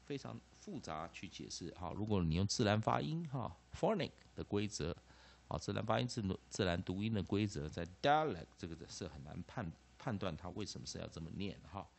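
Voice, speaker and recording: A man with a Taiwanese Mandarin accent explains English phonics in a classroom-style lecture. His voice sits low but swings widely in pitch. He keeps repeating terms and punctuates almost every phrase with "ah" or "ha". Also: a little fast, creaky. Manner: lively, peppers phrases with 'ah' and 'ha', repeats terms. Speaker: English teacher.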